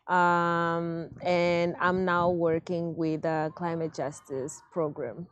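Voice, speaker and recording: A woman's voice: on the low side, little pitch movement, slow pace, clear, resonant tone, lo-fi sound. A woman from Mozambique, an activist guest on a panel, speaking earnestly with some fillers. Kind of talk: panel discussion.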